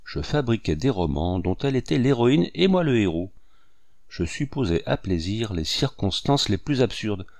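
A man narrating a classic novel as an audiobook in a measured, expressive reading. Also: lowish voice, no echo. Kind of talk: scripted literary narration.

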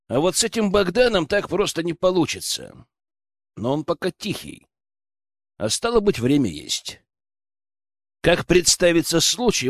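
A man narrating a first-person fantasy audiobook in a wry, expressive manner. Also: a little high, no echo, clean studio sound.

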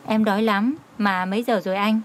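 A woman voicing an affectionate young woman who talks softly and coaxingly, often slowly. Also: mid-range voice, steady tone, a little hiss or hum, close to an everyday voice. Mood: apologetic. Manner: soft, coaxing.

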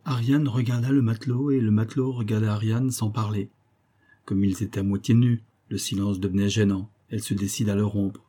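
Man, audiobook narration, husky, low, mellow dark tone, measured. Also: little pitch movement. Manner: measured literary storytelling.

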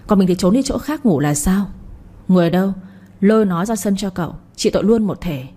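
A furious young master from a storybook, scolding and commanding, read by a woman. The voice is mellow and a touch breathy. He bellows his orders in short bursts. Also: mid-range voice, expressive, fairly quick, lightly acted. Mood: angry. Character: angry young master, stern husband.

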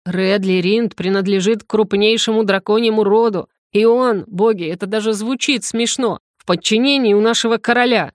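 A woman's voice: mid-range voice, fairly even intonation, moderate pace, few pauses, no echo, lightly acted. Grumpy hungover male rector, stern and scolding, dry close audio; woman reader.

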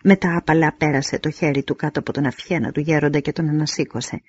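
Husky man narrating a war novel. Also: on the high side, steady tone. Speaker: audiobook narrator. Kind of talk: scripted first-person narration. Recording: dull lo-fi audio.

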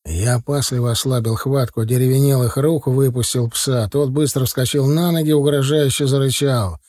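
A man's voice: medium pitch, steady tone, moderate pace, a little mellow, no room sound. Man reading an audiobook in a dry voice. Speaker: audiobook narrator. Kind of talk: first-person audiobook narration.

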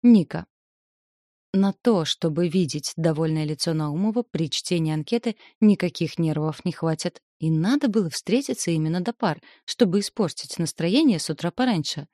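A woman reading a novel aloud as an audiobook narrator, in an even, measured storytelling way. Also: lowish voice, no echo, studio quality. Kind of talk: scripted narration.

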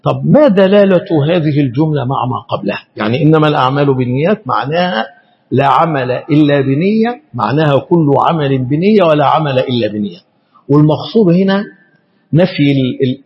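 A man with an Egyptian Arabic accent, an Islamic scholar teaching a lesson, speaking slowly and deliberately and often stumbling and repeating syllables as he explains. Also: mid-range voice, expressive, muffled recording. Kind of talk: classroom lesson explaining grammar and meaning.

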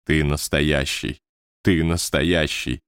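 A man voicing a gentle, anxious young man who speaks softly and tenderly. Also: a bass voice, little pitch movement, takes it slowly, smooth, no echo, clean studio sound, pitched below the performer's own voice, heavily acted. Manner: soft, hushed, tender.

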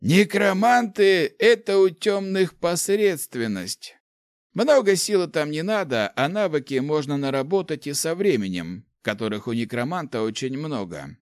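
Man doing a gruff old mage, grumbling, higher-pitched than the narration, swinging intonation, dry booming audiobook voice. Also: very animated, normal speed, no echo. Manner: grumbling, growling. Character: grumpy old male mage, gruff and gloomy. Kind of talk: audiobook character voice.

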